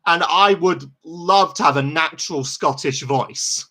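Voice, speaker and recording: A man with a bright, forward voice gives casual live match commentary. He rambles and chats in a loose, informal way and laughs often. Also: a little high, a little slow. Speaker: host reacting to a live football match.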